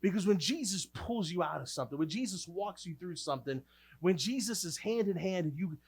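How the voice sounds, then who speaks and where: Pastor guy preaching, high voice, keeps repeating words, gets loud and emphatic. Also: expressive, fairly quick, breathy edge. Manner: emphatic, restarts and repeats words, pushes louder on key points. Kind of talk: sermon.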